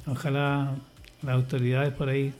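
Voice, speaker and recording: Faint music plays behind an older Chilean choir leader speaking as a guest on the radio. He talks at normal speed in a mid-range, darkish, monotone voice, and his casual chat is hesitant and meandering, with frequent restarts and filler words.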